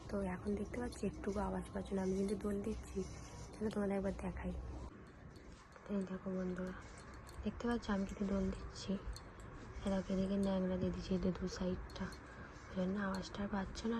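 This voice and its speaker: Chatty young woman vlogging. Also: mid-range voice. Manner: chatty, addresses viewers as friends. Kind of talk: casual daily vlog talk. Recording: noisy home recording.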